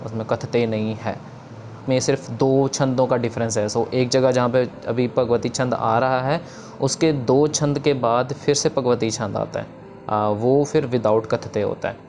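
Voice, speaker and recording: A man teaching the structure of Sikh scripture verses in a casual, explanatory way, pausing on fillers and mixing in English terms. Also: medium pitch, darkish tone, slight background noise.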